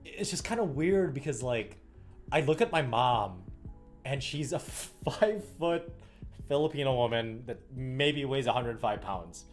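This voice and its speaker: A thirty-year-old man from the American Midwest talks loosely to a livestream audience, full of ums and quick laughs. His voice sits at an ordinary middle pitch. Faint music plays softly behind him. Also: expressive. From Illinois, US Midwest. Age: 30s. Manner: rambling, laughs often, many fillers. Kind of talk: casual livestream chat. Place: home room while stringing rackets.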